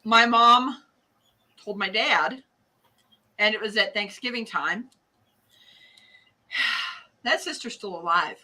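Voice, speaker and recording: An older woman with a Midwestern American accent and a bright, forward voice at an average pitch. She talks casually and ramblingly, in a folksy way, like someone teaching a craft live. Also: slow, pauses often. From United States. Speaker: hat loom craft class teacher. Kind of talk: casual live tutorial chat.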